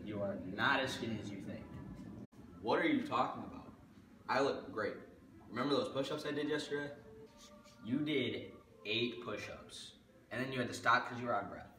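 Recorded on a distant camera mic amid loud noise and echo in a school stairwell, hallway and gym, this amateur comedy skit features a young adult man as a self-absorbed high school student torn between bickering inner voices. He banters casually and deadpan at a moderate pace, pausing often, in a voice close to everyday.

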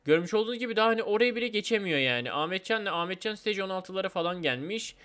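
A man hosting a let's play video, chatty and excitable, talking straight to his viewers and gleefully trolling other players. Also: high-pitched, very fast, smooth. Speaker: gaming video host.

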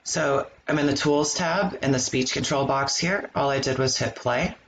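A man hosting a screen-recorded software walkthrough, explaining each step in a relaxed way with the odd um. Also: mid-range voice, moderate pace, slight background noise. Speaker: software tutorial host.

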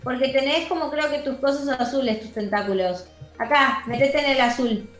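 Gaming co-host: woman, Argentine Rioplatense, high-pitched, casual, recorded in a live room. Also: moderate pace, fairly bright tone. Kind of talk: casual gameplay chat. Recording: roomy sound with faint music. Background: faint music.

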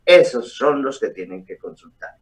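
A middle-aged man, a doctor, explaining calmly over a video call with frequent hesitations. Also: medium pitch, normal speed. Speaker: doctor guest. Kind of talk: explanatory interview answers. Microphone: webcam on a video call. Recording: distant video call audio.

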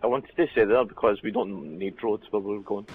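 A man's voice: on the low side, brisk, phone-quality sound, background noise. A man chatting casually while playing a video game, joking and swearing a lot. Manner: joking, crude, excitable. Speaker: gamer. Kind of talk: casual gaming chat.

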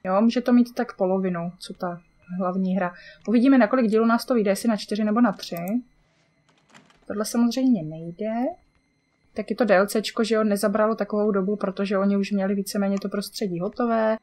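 A woman's voice: mid-range voice, fairly even intonation, darkish tone. A chatty woman with a Czech accent talks her way through a game in loose let's-play commentary. She mutters to herself and curses at what happens on screen. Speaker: gamer.

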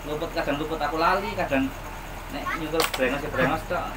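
A man's voice: fairly high pitch, brisk. A man, chatting at length as a barbershop customer. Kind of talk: casual chat. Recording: distant mic with loud background noise.

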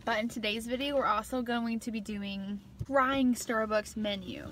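A woman's voice: a little high, steady tone, normal speed, fairly bright tone, slight background noise. Playful young American woman vlogging in a car. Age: young adult. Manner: playful, giggly, goofy. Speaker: vlog host. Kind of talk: casual car vlog chat. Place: parked car. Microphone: phone camera on dashboard. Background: car and outdoor ambience.

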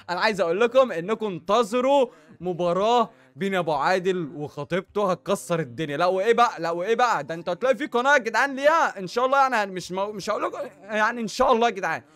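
A young Egyptian gaming YouTuber with a high, somewhat bright voice gives excited commentary over his own FIFA matches, joking and trash-talking his opponent in Egyptian Arabic.

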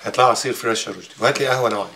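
A man's voice: mid-range voice, rapid-fire, creaky, pushed and bright. An actor with an Egyptian Arabic accent playing a condescending male agent who coaxes a young woman, in a TV drama. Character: smooth male talent agent, patronizing.

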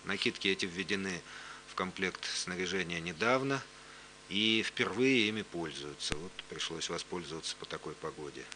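A man's voice: sits low, moderate pace, sharp tone, low-quality recording. A man speaking as an expert guest, giving matter-of-fact explanations in unscripted live commentary. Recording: faint hum and background noise.

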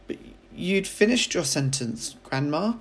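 A man's voice: a little high, sing-song, a little slow, breathy edge, voice pushed up, heavily acted. A man voicing a polite, cheeky young grandson in a children's storybook reading. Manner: polite, earnest.

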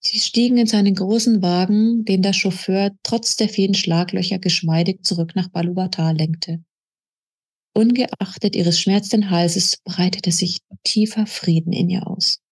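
A woman author reading aloud from her own novel in a steady, measured narrating manner. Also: mid-range voice, husky.

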